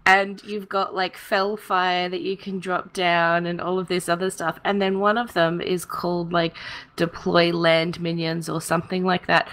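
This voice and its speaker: A woman co-hosting a casual podcast, her voice husky from feeling a bit unwell, chatty and quick to giggle. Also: lowish voice, little pitch movement, fairly bright tone. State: husky, a bit under the weather. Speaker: co-host.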